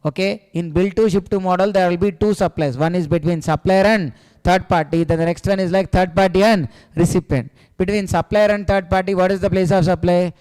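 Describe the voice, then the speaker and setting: A South Indian man teaches a revision class in a clear, fairly high voice. He asks short questions and answers them himself, repeating key phrases and often adding "sir". The sound carries a long, hall-like reverb. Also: steady tone, brisk, darkish tone. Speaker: tax exam coaching teacher.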